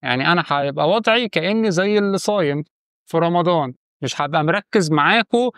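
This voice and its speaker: Egyptian guy talking fast and direct, coaching the viewer, dry sound. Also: fairly high pitch, animated, fairly bright tone, clean tone, no room sound. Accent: Egyptian Arabic. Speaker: channel host giving quit-smoking advice. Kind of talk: casual advice monologue.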